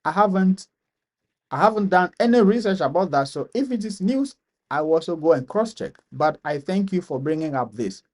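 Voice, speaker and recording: A man with a Ghanaian accent runs a live-stream Q&A, reading viewers' comments aloud before answering each one. He often repeats his phrases for emphasis, and his voice sits a little higher than most men's. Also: animated, normal speed, darkish tone. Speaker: channel host answering viewer questions.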